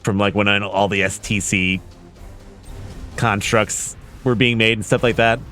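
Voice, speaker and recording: A man with a fairly low voice gives loose, informal game commentary. He muses like a keen fan and swears casually, with faint music and artillery behind him. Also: fairly even intonation, measured pace, sharp tone. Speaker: video game reactor and commentator. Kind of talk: casual rambling commentary over game footage. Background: game music and artillery fire.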